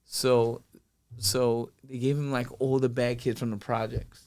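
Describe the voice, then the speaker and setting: A man's voice: mid-range voice, a little slow. A man, telling stories as a podcast guest and acting out the voices of people in them. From Brooklyn, New York. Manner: animated, acts out his father's voice. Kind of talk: casual storytelling.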